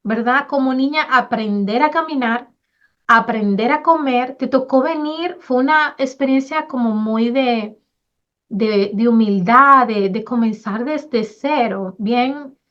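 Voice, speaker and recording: A woman hosts a faith-centered interview conversation. Her voice sits high, and she responds with affirming, encouraging remarks and scripture. The recording sounds a little dull. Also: takes it slowly. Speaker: podcast host.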